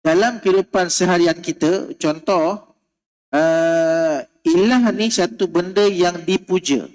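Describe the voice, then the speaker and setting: A man's voice: sits high, slow, darkish tone. A man with a Malaysian Malay accent giving a religious lecture, explaining step by step, repeating key words and checking in with his listeners. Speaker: religious teacher. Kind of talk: mosque lecture. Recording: long hall reverb.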